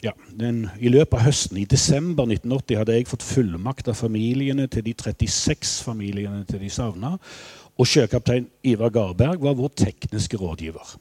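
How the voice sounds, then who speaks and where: An older man telling a personal story in a measured, reflective, somewhat halting way. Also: medium pitch, mellow, breathy edge, no echo. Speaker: spokesman for bereaved families.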